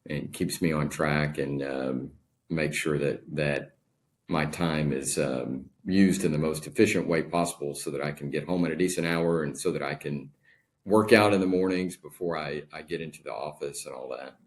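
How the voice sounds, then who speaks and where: This is a man in his forties being interviewed as a guest. His voice sits very low and deep. He speaks in a measured, deliberate way, like someone in a relaxed conversation. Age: 40s. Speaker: podcast guest. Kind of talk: casual interview talk.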